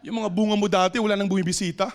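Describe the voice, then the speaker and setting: A man with a Filipino accent preaching a sermon in a church, swinging between shouted exhortation and low, quiet storytelling. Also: steady tone, racing. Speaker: pastor. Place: church sanctuary.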